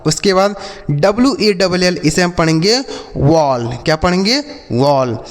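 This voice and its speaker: High-voiced man teaching English phonics. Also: lively intonation, in a large hall. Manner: repeats questions to the class and answers them himself; spells words out slowly letter by letter. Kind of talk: classroom lesson.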